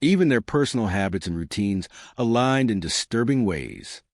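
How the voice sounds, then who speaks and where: A man giving measured scripted narration of a true story. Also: on the low side, expressive, no room sound, studio quality.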